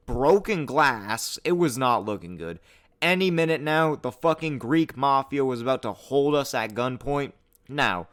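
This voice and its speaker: A man telling a travel horror story in a storytime narration, profane and animated, getting louder and higher at the scary parts. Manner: profane, animated storytelling that climbs loud and high at tense moments. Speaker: storytime YouTuber.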